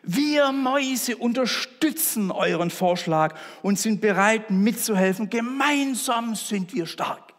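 A man's voice: high voice, lively intonation, slow pace, few pauses, voice pushed up, exaggerated voice. A man voicing a brave, helpful young mouse from a fable, reading its lines in a lifted, eager voice. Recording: echoey church reverb.

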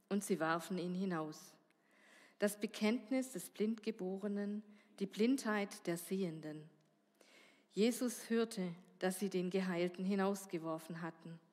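Woman reading scripture in a church hall. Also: on the low side. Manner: measured, voices the dialogue lines. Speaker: scripture reader. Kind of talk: Bible reading.

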